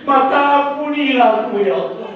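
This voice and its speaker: A man's voice: extremely high pitch, normal speed, slight background noise, voice pushed up. A man preaching voices a dead man who wails and pleads for one more chance, in a chanting sing-song. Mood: pleading. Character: wailing dead man begging for another chance. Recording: echoey hall, distant dull mic.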